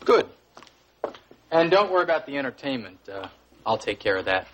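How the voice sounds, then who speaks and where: An actor playing a pushy, scheming grown son in a television soap drama, domineering and forceful. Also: male voice, mid-range voice, sing-song, moderate pace, a little hiss or hum, poor audio. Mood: demanding. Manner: forceful, domineering, shouting at times.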